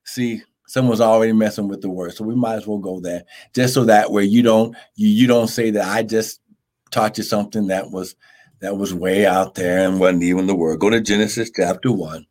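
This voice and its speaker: A man's voice: lowish voice, steady tone, moderate pace, a little mellow. A man preaching an impassioned live-streamed Bible sermon, exhorting emphatically with repeated phrases and drawing out scripture for weight.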